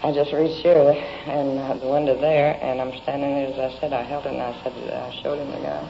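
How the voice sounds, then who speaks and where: In a police interview held indoors at a home, a woman gives a plain-spoken, rambling account of events as a witness. Her voice is rumbling low and gravelly, flat, and fairly quick. The sound is a muffled, noisy 1950s field radio recording.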